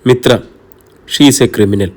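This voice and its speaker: A man's voice: mid-range voice, moderate pace, a little mellow, lightly acted. A man reading a stern police chief. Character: stern male police superintendent, harsh and firm. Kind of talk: audiobook character reading.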